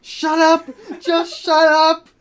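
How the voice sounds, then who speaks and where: A strange, intense young man, as a woman storyteller puts him on, blunt and insistent. His voice stays close to the teller's own, only nudged a little higher. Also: slow, natural voice. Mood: shouting.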